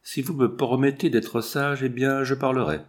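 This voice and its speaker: A man reading the lines of a proud, sharp-tongued young English lady in a cool, ironic, measured way. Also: mid-range voice, steady tone, close to an everyday voice.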